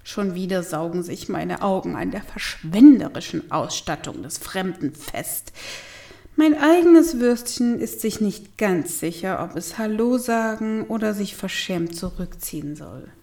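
A woman reading a comic first-person story aloud, wry and lively, with whispered asides. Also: mid-range voice, unhurried, vocal fry. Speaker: audiobook narrator. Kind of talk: first-person comedic audiobook narration.

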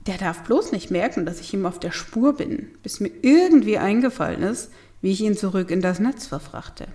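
A woman reading a comic first-person story aloud, wry and lively, with whispered asides. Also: mid-range voice, moderate pace. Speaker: audiobook narrator. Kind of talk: first-person comedic audiobook narration.

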